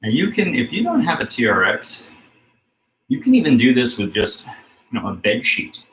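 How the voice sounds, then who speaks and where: A man working as a fitness trainer who talks through exercises in a relaxed, chatty way, recorded indoors on a camera mic from a distance. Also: medium pitch, moderate pace. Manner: relaxed, chatty coaching with fillers. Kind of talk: casual workout instruction. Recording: roomy sound from a distant mic.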